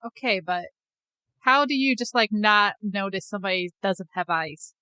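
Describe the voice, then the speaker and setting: A woman's voice: mid-range voice, moderate pace, bright, forceful tone, no room sound. A woman co-hosting a podcast, answering a spooky scenario with wry, joking pushback. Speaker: podcast co-host. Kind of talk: casual chat.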